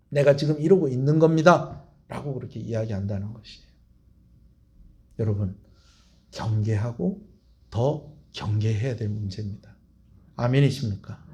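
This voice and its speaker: A middle-aged male pastor preaching a sermon, asking the congregation questions and acting out quotes. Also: on the high side. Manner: animated, asks the congregation questions and acts out quotes.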